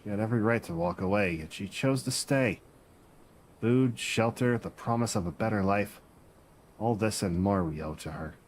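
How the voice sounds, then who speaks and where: A man's voice: on the low side, animated, moderate pace, a little mellow, slight background noise, lightly acted. A man reading as a solemn refugee elder with a pirate lilt. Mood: grateful. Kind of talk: reading game dialogue aloud.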